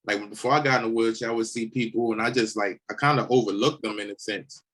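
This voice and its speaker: A man's voice: fairly low pitch, fast. Laid-back man hosting a casual chat. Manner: relaxed, repeats and restarts words, conversational. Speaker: host.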